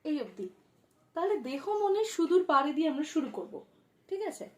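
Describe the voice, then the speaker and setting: A woman teaching a song at the harmonium, singing phrases slowly and then explaining the notes quietly and quickly. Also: high voice, sing-song. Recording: loud harmonium under the voice. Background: harmonium playing.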